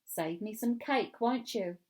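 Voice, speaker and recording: A woman voicing a young girl sick in bed in a children's read-along, gentle and wistful. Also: mid-range voice, takes it slowly, natural voice. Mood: gentle teasing.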